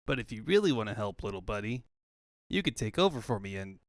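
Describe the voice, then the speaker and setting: A man's voice: fairly low pitch, big pitch swings, fast talker, no room sound, studio quality, pitched below the performer's own voice. Man voicing Sonic, a cocky hedgehog hero. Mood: cocky, breezy. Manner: breezy surfer-dude slang. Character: cocky, laid-back young hero hedgehog.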